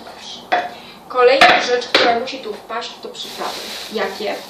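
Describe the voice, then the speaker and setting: A middle-aged woman runs an informal cooking tutorial to camera, explaining a recipe in a halting manner and pausing mid-sentence. Her pitch is fairly high and her intonation fairly even. She's in a small home kitchen by a window with the camera on the counter a step away, so the distant mic catches an echoey room and loud kitchen noise.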